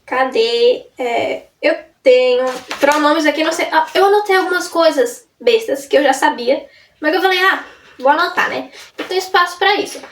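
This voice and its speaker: There's a little hiss or hum and a roomy, off-mic sound as this young vlogger talks to the camera at a normal speed in a high voice. Chatty and rambling, she keeps breaking off mid-sentence to start over.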